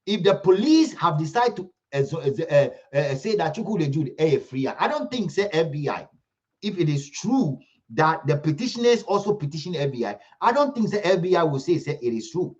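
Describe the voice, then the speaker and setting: A man's voice: a little high, very animated, normal speed, highs cut off. A man hosting an online commentary livestream, talking emphatically, repeating himself and pleading with viewers.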